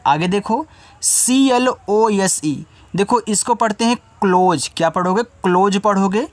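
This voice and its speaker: A man teaching an English spelling lesson, patiently spelling each word out letter by letter and repeating each meaning twice. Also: dry recording. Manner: spells words out letter by letter slowly, then says the word lower and quieter.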